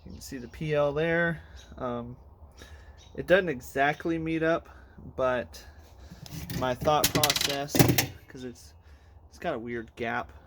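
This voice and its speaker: In a garage, sitting in a car, a car audio hobbyist vlogger rambles casually through his build, out of breath, fixing his own words and using lots of fillers. His voice is medium in pitch and slow, with some background noise.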